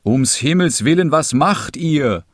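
A man's voice: fairly low pitch, extremely slow, darkish tone, no echo, clean studio sound. A man voicing a patient old ferryman in a storybook reading, calling out with a raised voice. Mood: alarmed. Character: old male ferryman, patient but alarmed.

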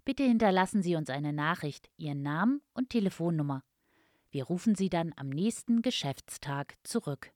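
A woman speaks in a slightly low, dry-sounding customer service voice. She delivers a scripted phone announcement politely and formally, like a company answering machine greeting. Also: animated, moderate pace, a little mellow, dry recording.

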